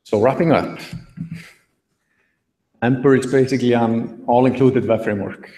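A young man giving a relaxed tech talk at a meetup, thinking aloud with fillers from a podium in a large auditorium. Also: mid-range voice, normal speed. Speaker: conference speaker. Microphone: podium mic, recorded from the hall. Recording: echoey hall.

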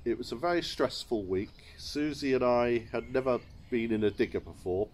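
A middle-aged English man who owns a chateau sits in a sunny garden courtyard, telling a story to camera in a wry, understated way and chuckling at his own mishaps. His voice is medium in pitch and darkish, at a normal speed.

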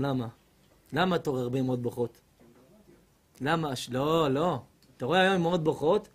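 A man giving a humorous sermon as a rabbi, telling stories animatedly and acting out other people's voices. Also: a little high. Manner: animated comic storytelling, acts out women's voices.

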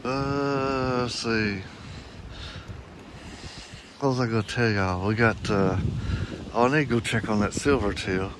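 A farm owner who vlogs gives a rambling, folksy tour of his land, thinking aloud with plenty of fillers. His medium-pitched voice moves at a measured pace with frequent pauses. He holds a phone while walking outdoors, so wind noise hits the mic over the outdoor ambience.

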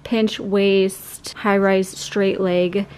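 A chatty young woman talks straight to her viewers at a middle pitch, leaning on "like" fillers as she tries on clothes. Her voice is caught by a nearby camera in a small indoor apartment. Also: flat delivery, extremely slow, darkish tone, slight background noise. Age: young adult. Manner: chatty, frequent "like" fillers, friendly address to viewers. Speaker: lifestyle vlogger. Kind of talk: casual try-on haul chat.

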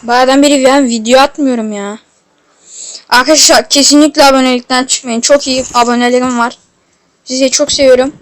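Excitable young-sounding woman gaming. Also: sits high, a little fast. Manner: excitable, loud outbursts and playful swearing. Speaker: mobile game streamer. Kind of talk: casual gameplay commentary. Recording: loud gunfire from the game.

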